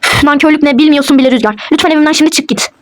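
A cold, defiant young wife, as a woman puts her on in a toy role-play. She speaks fast in a high voice, with curt, dismissive retorts. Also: slight background noise, lightly acted.

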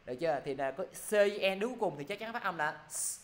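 A man teaching an English pronunciation class, drilling words slowly and checking in with students over and over. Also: a little high, lively intonation. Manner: repeats "được chưa" constantly, drills words slowly.

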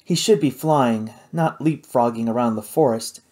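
A woman reading an audiobook, voicing a thoughtful, cautious teenage boy in a measured, understated way. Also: extremely low pitch, mellow.

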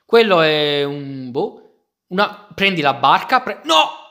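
A young man gives casual commentary while he plays a Minecraft game. He is excitable and keeps exclaiming to his viewers. His voice sits a little higher than most men's. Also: slow. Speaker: gaming youtuber.

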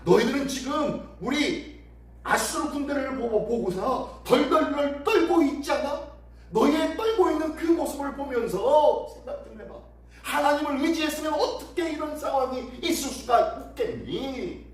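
A scornful enemy general jeers in a high, rising voice, as a pastor puts him on. The sound is very echoey and comes from some distance off the mic. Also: male voice, moderate pace. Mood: taunting. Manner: taunting, rising pitch. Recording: echoey room heard from afar.

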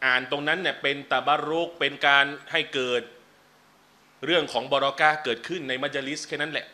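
A man teaching a relaxed religious class, chatting with joking asides between numbered teaching points. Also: fairly high pitch, a little fast. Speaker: Islamic teacher. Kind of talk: casual religious lecture. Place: lecture venue.

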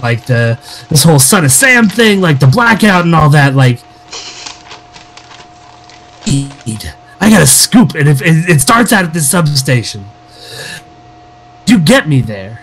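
A man voicing a self-serving male reporter who pitches a deal in a wheedling, persuasive way. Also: slight background noise, rough recording.

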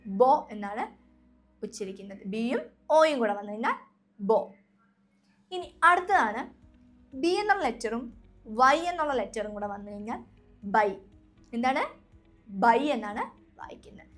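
A young Malayali woman gives a spoken English lesson, saying each sound, asking the listeners to repeat it, then saying it again. Her voice sits a little high. Faint music plays softly behind her. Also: big pitch swings, normal speed, long pauses. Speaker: English teacher.

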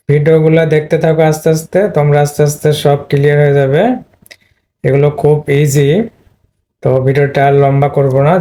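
Mellow-voiced man teaching pronunciation. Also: mid-range voice. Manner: repetitive, drills words over and over. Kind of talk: online lesson explaining word stress.

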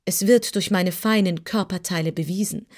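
A woman's voice: on the low side, moderate pace, a little mellow, lightly acted. A woman voicing a proud, boastful male cab horse who lectures in a pompous way, in a storybook reading.

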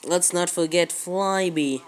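Speaking slowly at medium pitch, a woman creator comments casually on a game, frequently repeating herself. A handheld phone filming the screen captures her, producing an amateur recording with a faint noise floor.

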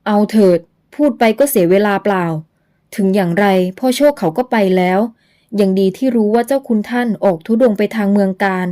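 A woman's voice: medium pitch, brisk, dark tone, lightly acted. A woman doing a curt young nobleman. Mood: impatient. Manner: curt, scolding and impatient. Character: young nobleman, brisk and scolding.

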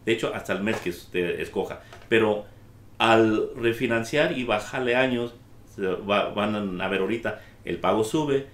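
A man with a lowish voice explains loan options as a guest in a studio talk. He is calm and matter-of-fact. His voice rings in an echoey room. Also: unhurried. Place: studio in front of a slide screen.

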